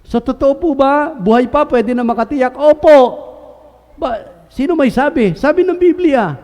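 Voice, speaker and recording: High-voiced preacher in a reverberant church hall. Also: male voice, moderate pace. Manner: lively, asks the congregation questions and answers them himself; switches between Tagalog and English. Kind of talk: sermon.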